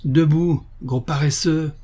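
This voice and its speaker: A man's voice: mid-range voice, fairly quick, warm tone, natural voice. A man reading aloud voices a rude, quarrelsome young man in the story. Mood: brusque.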